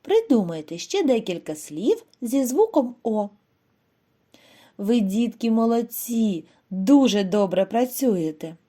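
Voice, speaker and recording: A Ukrainian woman teacher giving a scripted lesson to young children, in a slow, clear, sing-song way. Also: a little high, very animated, warm tone. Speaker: primary school teacher.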